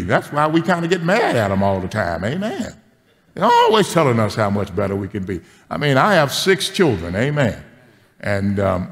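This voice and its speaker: A man's voice: on the low side, vocal fry. A man in his seventies, a bishop, preaching a sermon and telling a story, punctuated with "Amen". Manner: storytelling, call-and-response with repeated "Amen". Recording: long church reverb.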